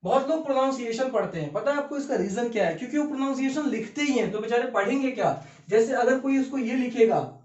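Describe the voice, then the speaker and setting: Man, vocabulary teacher, high voice, animated questioning, echoey room, distant mic, dull sound. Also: fast. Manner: animated, repetitive questioning, calls viewers beta and bhai. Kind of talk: explaining lesson in Hindi and English.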